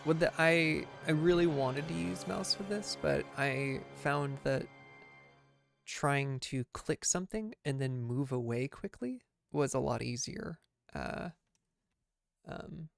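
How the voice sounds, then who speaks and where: Creaky-voiced man streaming a game. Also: on the high side, takes it slowly, faint music behind. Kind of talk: casual live playthrough chat.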